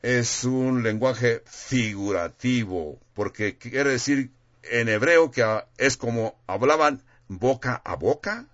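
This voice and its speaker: A man's voice: mid-range voice, lively intonation, slow, a bit bright, lo-fi sound. A man preaching a sermon in a plain, conversational way, reading scripture aloud and explaining it.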